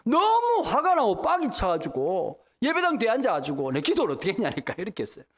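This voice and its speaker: A man from Busan, a guest pastor preaching a revival sermon in an emphatic, humorous way, with sudden shouts when he acts out prayers. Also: high-pitched, wildly swooping pitch, fast talker. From Busan, South Korea.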